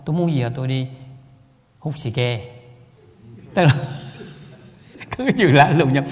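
A man's voice: medium pitch, darkish tone, long reverb tail. A man with a Southern Vietnamese accent, a Buddhist lay teacher giving a storytelling talk, rambling and repeating words, often chuckling.

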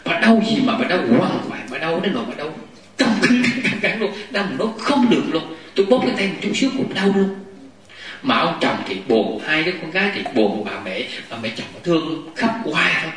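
A man giving a Buddhist dharma talk to a gathering, animated, often laughing and acting out what people say. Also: fairly high pitch, brisk. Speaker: Buddhist lay teacher. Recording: echoey hall, mic far off.

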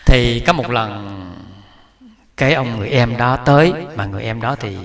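A man's voice: medium pitch, moderate pace, a bit bright. A man giving a Buddhist sermon, telling a story in a chatty way with many restarts. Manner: conversational, repetitive restarts, chuckling asides. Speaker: Buddhist preacher.

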